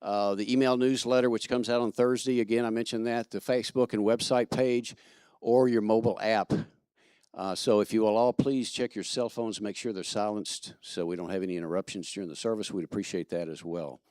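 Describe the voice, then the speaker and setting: A man from Kentucky reads out the church announcements in a low voice, chatty and quick to joke, stumbling over fillers as he goes. His voice comes across close and dry. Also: steady tone, a little mellow, smooth, no echo. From Kentucky, USA. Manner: chatty, joking, halting with fillers. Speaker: platform assistant. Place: church service.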